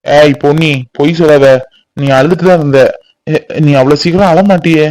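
Casting: man doing a high-voiced, gently reassuring young husband, cartoon. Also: fairly even intonation, moderate pace, no room sound, natural voice, poor audio. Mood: concerned. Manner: soothing, concerned, reassuring. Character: caring young village husband, gently coaxing. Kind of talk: cartoon voice acting.

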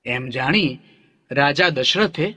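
A man narrating a children's story gently, now and then asking the young listeners questions. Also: on the high side, expressive, slow pace. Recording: long reverb hall.

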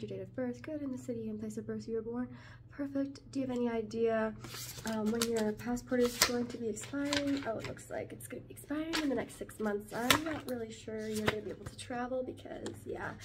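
Soft ASMR role-play, lady doing a suspicious airport security officer, highish voice, noisy background w clicks. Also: close to an everyday voice. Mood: questioning. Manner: soft-spoken, procedural, repeating instructions. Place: small room at home, indoors. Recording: distant mic, clear background noise, clicks.

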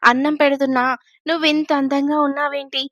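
A man's voice: very high-pitched, little pitch movement, brisk, bright, forceful tone, no echo, highs cut off, voice pushed up. A woman reading the part of a sleazy, tipsy male servant with a leering way of talking. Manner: sleazy, wheedling, then pleading.

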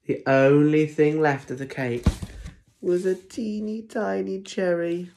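A British man in his twenties, a primary school story reader, reads a children's story playfully at home in a plain room, adding chatty asides and questions for young listeners. His voice is on the high side, slow and fairly even, with vocal fry and a darkish tone. A phone or tablet held at arm's length picks up a little hiss or hum.

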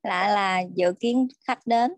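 A woman's voice: mid-range voice, slow pace, no echo. A female student answering her teacher politely and with some hesitation.

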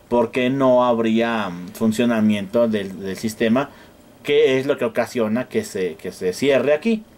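A man with a Mexican accent teaching electronics repair to a classroom, joking and acting out frustrated customers as he goes. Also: medium pitch. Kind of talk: hands-on class demonstration. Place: classroom with students.

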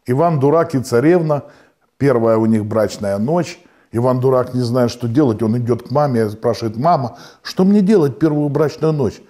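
A man telling comic jokes with animated delivery, acting out each character in the joke. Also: mid-range voice, normal speed. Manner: animated, acts out the quoted characters. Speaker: joke teller.

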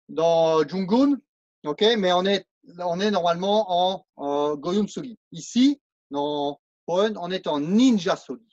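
Teaching a live online martial arts class, a man with a French accent and a high voice counts through each move and explains it while demonstrating. The audio is dry, a bit dull and lo-fi, with no room sound.

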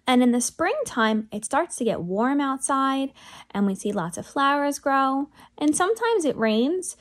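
This young woman teacher has a high, husky voice. She reads a story and teaches a lesson to small children, expressive in delivery and frequently asking them questions.

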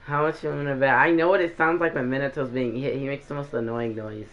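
Over muffled, lo-fi game chat, a fast-talking man with a steady, medium-pitched, slightly bright voice brags and playfully trash-talks. He's chatting casually with friends in a party while they wait for a match.

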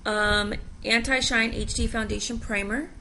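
Chatty woman with a creaky voice. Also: a little high, fairly even intonation, unhurried, sharp tone, a little hiss or hum, low-quality recording. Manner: chatty, rambling, self-deprecating asides. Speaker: makeup vlogger. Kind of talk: casual makeup tutorial. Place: at home.

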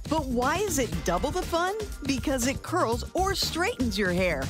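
Infomercial announcer: woman, high-pitched and very animated, emphatic upbeat sell, music bed. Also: unhurried. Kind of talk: infomercial voice-over, scripted sales pitch.

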